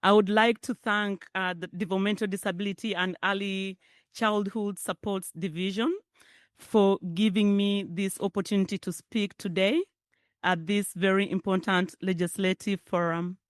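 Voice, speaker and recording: A middle-aged Ugandan woman with a Ugandan accent gives a keynote speech at a forum, warm and conversational and laughing often. Her medium-pitched voice has fairly even intonation and a moderate pace, and the studio sound is clean with no echo.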